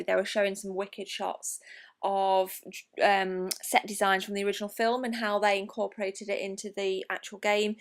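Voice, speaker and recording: A young woman talks through her gaming vlog in a relaxed, chatty way. Her voice sits in a middle register, and she is full of enthusiasm, sprinkling ums and the odd bit of mild swearing through her narration. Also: medium pitch. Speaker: gaming vlogger.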